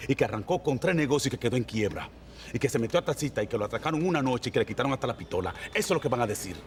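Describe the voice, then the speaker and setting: A man's voice: medium pitch, expressive, racing, slight background noise, natural voice. A man with a Dominican accent playing a proud, desperate ex-policeman father who insists heatedly on his reasons in a film scene. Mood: defiant. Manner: heated, insistent run-on justifying. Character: proud desperate middle-aged ex-cop father, defiant. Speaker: film actor.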